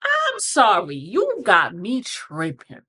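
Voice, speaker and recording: Blunt, lively-voiced woman podcast host. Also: medium pitch, slow, breathy edge. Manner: blunt, profane, emphatic; repeats points with frequent "okay?" check-ins. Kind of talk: motivational casual talk.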